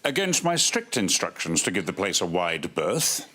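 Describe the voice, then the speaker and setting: A pompous, stern butler. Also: male voice, low-pitched, sing-song, moderate pace, sharp tone, heavily acted. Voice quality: pompous, indignant. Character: stern, pompous older male head butler. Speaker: head butler.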